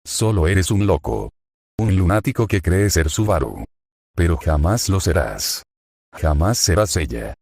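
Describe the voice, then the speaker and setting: A man's voice: deep voice, animated, measured pace, creaky, a little mellow, slightly rough, heavily acted. A man voicing a traumatized young woman who hurls cutting accusations. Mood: bitter.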